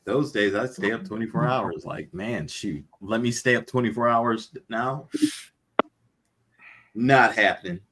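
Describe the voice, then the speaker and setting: A man's voice: lowish voice, a little slow, fairly bright tone, a little hiss or hum. A man in a casual group chat, talking about his auctions in an easygoing, rambling way.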